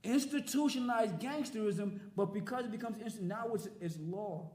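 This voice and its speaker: A man's voice: high-pitched, expressive, fairly quick, a little mellow. A man speaking on a panel at a law school event, impassioned and repetitive, swearing casually. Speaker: panelist, jailhouse lawyer. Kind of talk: panel discussion. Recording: echoey room.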